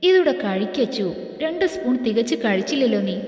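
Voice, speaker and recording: A woman voicing a tender young husband and father who talks softly and scolds gently, recorded in an echoey room. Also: very high voice, very animated, a little fast. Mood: coaxing. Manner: soft, caring, gently scolding. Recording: echoey room with long reverb.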